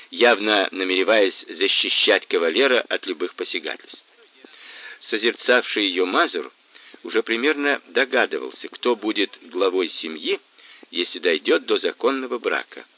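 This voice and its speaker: A man narrating an audiobook with a lively, expressive reading. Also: deep voice. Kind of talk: scripted narration. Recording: tinny phone-like band, dry.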